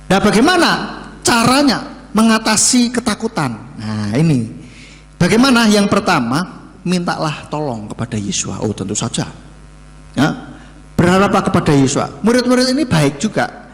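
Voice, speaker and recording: A male pastor preaches in a lively, joking manner, his fairly high voice leaping up and down in pitch. His talk rings out with the long reverb of a large hall. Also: normal speed. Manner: lively, jokey preaching with sudden pitch jumps and Javanese asides. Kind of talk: sermon.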